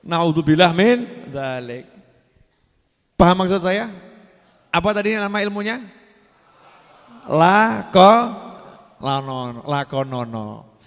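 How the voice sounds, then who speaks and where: A man's voice: on the high side, expressive, slow, pauses often, in a large hall. A man with a Javanese-tinged Indonesian accent preaching a humorous sermon, teasing his listeners and slipping into Javanese phrases. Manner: playful, teasing the audience, drops into Javanese phrases.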